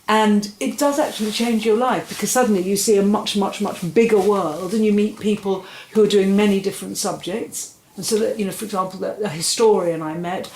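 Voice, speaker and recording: A woman in her sixties, an interview guest, telling long stories in animated, rambling fashion with many restarts. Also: medium pitch, brisk, few pauses. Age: 60s. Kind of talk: casual conversational interview. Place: room in a house. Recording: roomy, faint ambient noise.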